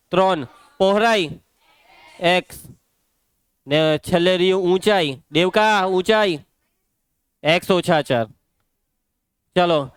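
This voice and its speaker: A young man with a Gujarati accent teaching a maths class, working through problems briskly, quizzing pupils by name and telling them to settle down. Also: high voice, clean tone, dry recording. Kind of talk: live classroom lesson.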